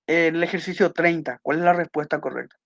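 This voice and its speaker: A slightly high, gravelly male voice moves at a fairly quick clip as he patiently reviews test answers with a class, repeating key points and tossing in small questions to check understanding. There's no room sound, and the audio is muffled, dry, and lo-fi.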